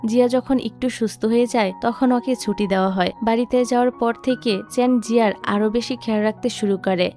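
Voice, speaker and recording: A woman's voice: a little high, a little fast, soft background music. A woman narrating a drama recap as a scripted story, reading the characters' lines plainly in her own voice. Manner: steady, reads quoted dialogue plainly in her own voice.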